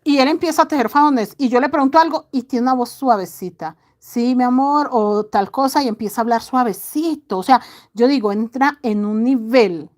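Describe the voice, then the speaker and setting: A middle-aged woman chatting casually to her viewers, loud-voiced and fond of affectionate diminutives. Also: on the high side, a little fast. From Colombia. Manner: speaks loudly. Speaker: crochet channel host.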